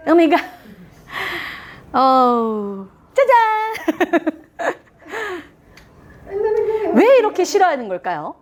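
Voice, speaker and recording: High, lively woman lecturing parents. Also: a little fast. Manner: lively and playful, often laughing and acting out quotes. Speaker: lecturer on communication styles. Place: lecture room with a live audience.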